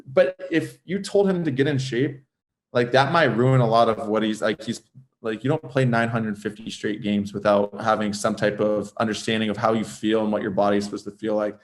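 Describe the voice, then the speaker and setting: A man's voice: on the low side, fairly even intonation, fairly quick. A man in his thirties from Southern California, a guest on a casual podcast interview, rambling and filling his speech with "like". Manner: rambling, fills speech with "like", restarts often. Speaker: guest, former pro hockey player.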